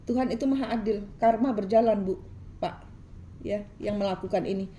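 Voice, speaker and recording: A woman's voice: medium pitch, brisk, warm tone, slight background noise. A woman tarot reader, giving a preachy, scolding reading full of repetition.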